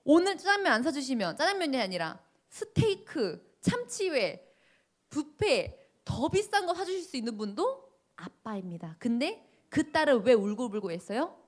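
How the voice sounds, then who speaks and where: Animated woman preaching a sermon. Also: high voice, normal speed. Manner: dramatic storytelling, voices the people in her story; asks the congregation questions. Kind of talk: sermon with personal testimony.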